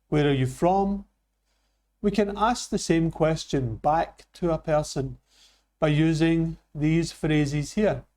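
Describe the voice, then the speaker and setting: A man from Scotland with a Scottish accent, teaching an English lesson with slow, careful delivery. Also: a little high, warm tone. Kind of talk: classroom lesson.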